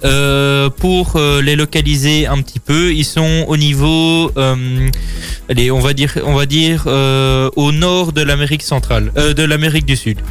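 A man co-hosting a radio show, explaining sports news in a relaxed, joking way. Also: a little high, measured pace, soft background music. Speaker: radio co-host. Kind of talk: casual radio chat.

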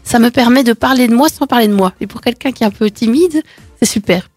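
A woman's voice: a little high, quick pace, darkish tone, no echo, faint music behind. A woman singer, a guest on a radio show, talking in a hesitant way with many restarts. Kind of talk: radio interview. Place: radio studio. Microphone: studio microphone.

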